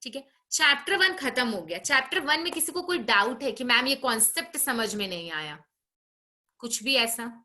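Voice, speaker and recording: Bright-voiced woman teacher scolding online class. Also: on the high side, lively intonation. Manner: scolding, brisk, frequent tag questions. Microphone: video call.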